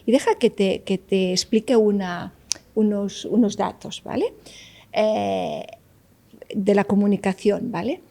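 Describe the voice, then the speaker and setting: A woman's voice: mid-range voice, fairly even intonation, measured pace, gravelly, warm tone. A woman psychologist, explaining ideas in an interview and often checking in with "¿vale?". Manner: didactic, keeps checking with "¿vale?". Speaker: psychologist guest.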